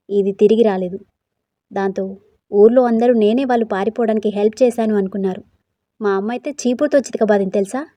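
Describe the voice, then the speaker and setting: Female storyteller, mellow voice, dry close recording, voices all the characters plainly. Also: mid-range voice, no echo.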